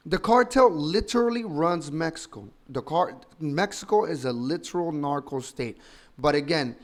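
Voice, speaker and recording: A man in his thirties with a fairly high voice gives opinionated commentary. He is from the Dominican Republic and argues emphatically, pushing his points with rhetorical questions. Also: expressive, moderate pace. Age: 30s. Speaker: political commentator.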